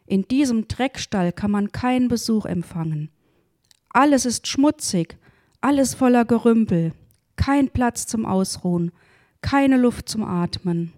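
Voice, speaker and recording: A woman voicing a frantic man who exclaims in alarm as he rushes to tidy his house for a visitor. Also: medium pitch, animated, dark tone. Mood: agitated. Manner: exclaiming, agitated.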